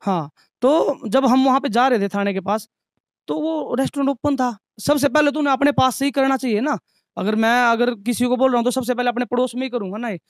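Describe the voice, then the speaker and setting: A man's voice: very high-pitched, fairly quick, dry recording, clean studio sound. A young man, a restaurant manager, earnestly recounting in detail how he and his staff were beaten. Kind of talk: interview testimony.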